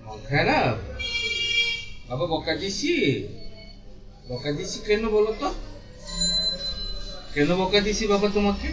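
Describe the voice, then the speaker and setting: Man, coaxing pet baby-talk, distant mic, loud music behind. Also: high-pitched, big pitch swings, takes it slowly, pauses often, lo-fi sound. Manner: coaxing, scolding pet talk in colloquial Bengali. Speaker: cat owner talking to his cat.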